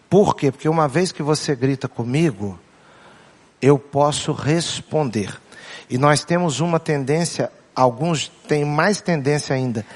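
A man with a Brazilian Portuguese accent, a pastor giving a humorous sermon, joking with the congregation and repeating his key points. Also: mid-range voice. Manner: playful, acts out family voices and jokes with the crowd; asks the congregation questions and repeats key phrases.

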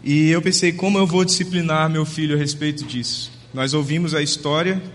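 Earnest pastor preaching in a reverberant hall. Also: male voice, a little high, steady tone, slight background noise. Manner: storytelling, gentle and earnest, slowing down for emphasis. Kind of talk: sermon. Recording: long reverb of a large hall.

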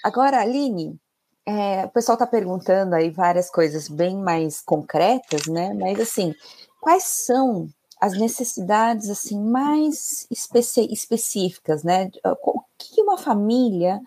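A woman's voice: medium pitch, animated, measured pace, warm tone. A woman moderating a church panel, asking questions with many hesitations and repeated words.

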